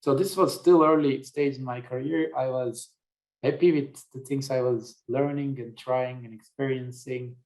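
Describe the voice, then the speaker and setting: A man's voice: mid-range voice, steady tone, moderate pace, darkish tone, rough recording. A middle-aged man from Turkey, speaking in a webinar discussion, reflective and thinking aloud with frequent fillers. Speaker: panelist.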